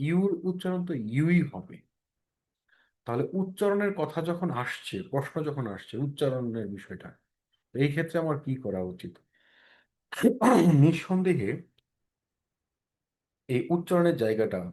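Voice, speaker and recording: A man's voice: a little high, darkish tone. Man teaching pronunciation in an online class. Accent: Bangladeshi Bengali. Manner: explanatory, asks students checking questions.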